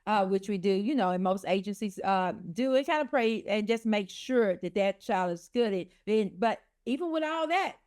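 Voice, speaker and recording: A woman's voice: mid-range voice, expressive, normal speed, hardly any pauses, a little mellow. A woman hosting a podcast, giving advice and asking her guest questions in an encouraging way. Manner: encouraging, gives advice, backchannels often. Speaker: podcast host. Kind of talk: interview podcast.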